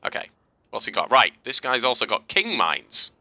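A man casually talking through game footage as a tutorial host, chatty and relaxed, with fillers and restarts. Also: mid-range voice, normal speed, dry recording, dull audio. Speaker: gaming video host. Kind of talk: casual gameplay commentary and tutorial.

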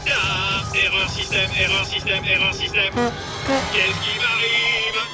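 A woman's voice: mid-range voice, level tone, slow, loud music behind the voice, low-quality recording. A woman voicing an obedient servant robot in a cartoon as it glitches and keeps repeating a system error. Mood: malfunctioning. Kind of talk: cartoon voice acting.

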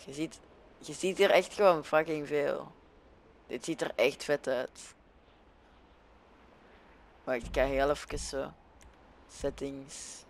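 A man's voice: medium pitch, gravelly. A young man with a Flemish accent giving casual, hesitant commentary over a video game, often searching for his words. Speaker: gaming video host.

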